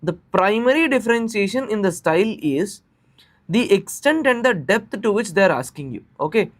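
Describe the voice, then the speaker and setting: A man's voice: sits high, big pitch swings, moderate pace. A man with an Indian accent teaching an informal live online class, repeating phrases and checking in with questions. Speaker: teacher of exam preparation class.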